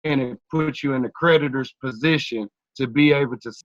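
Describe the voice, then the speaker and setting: A man on a group call lays things out slowly, stopping and restarting his sentences. His line is dry and muffled, and it keeps breaking up. His pitch sits in the middle of the male range. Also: no echo. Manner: explains slowly, halting restarts. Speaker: caller. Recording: dull, cutting-out call line.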